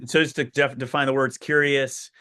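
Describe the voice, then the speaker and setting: A man's voice: medium pitch, level tone, moderate pace, pushed and bright, smooth. A man hosting a webinar on a video call, asking short clarifying questions and thanking his guest. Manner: brief affirmations and clarifying questions. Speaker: webinar host.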